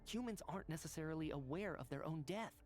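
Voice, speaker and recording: A man voicing an earnest male scientist in a video game, measured and thoughtful, with faint music behind. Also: a little high, expressive, darkish tone, natural voice. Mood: calm reasoning.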